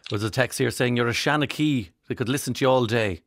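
A man's voice: mid-range voice, quick pace, dry recording, clean studio sound. A man with an Irish accent hosting a casual, conversational radio interview.

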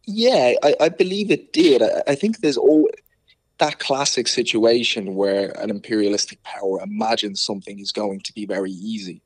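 A man's voice: on the low side, normal speed, no room sound. A man with a Dublin Irish accent, explaining things conversationally as an author in an interview and often rewording himself. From Ireland.

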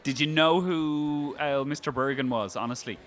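A man's voice: a little high, moderate pace, a bit bright. A man with an Irish accent hosting a light, casual radio interview in a jokey, teasing way. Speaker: radio host.

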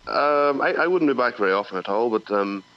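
A man with a Donegal Irish accent talking casually and haltingly, often repeating words, as an interview guest. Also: medium pitch, lively intonation, a little hiss or hum. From County Donegal, Ireland. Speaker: radio phone-in guest, farmer. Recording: dull telephone line.

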